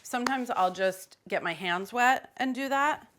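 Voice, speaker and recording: A woman's voice: on the high side, unhurried, a bit bright, slight background noise. A woman hosting a casual cooking demonstration in a kitchen, chatty and playful, with loose, offhand phrasing. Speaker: cooking host. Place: home kitchen.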